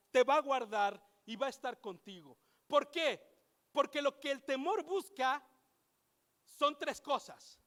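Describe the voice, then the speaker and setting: A man with a Mexican accent, a pastor mixing personal stories with emphatic preaching in a lively, animated way. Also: very high voice. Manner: animated, shifts between storytelling and emphatic preaching. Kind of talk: sermon with personal anecdotes. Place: church hall. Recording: reverberant church hall.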